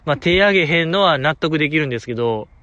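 A man's voice: a little high, lively intonation, fast, bright, forceful tone, no echo, highs cut off. A man with a Kansai accent hosting a solo talk show, chatting with enthusiastic, chuckling fan banter. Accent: Kansai Japanese. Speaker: podcast host.

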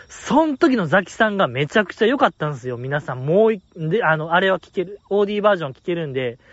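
Man, Kansai accent, podcast host, casual playful chat, lively up-and-down voice, fairly high pitch, dull dry lo-fi sound. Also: dry recording. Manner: lively, playful commentary with frequent laughs. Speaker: podcast host reading listener mail.

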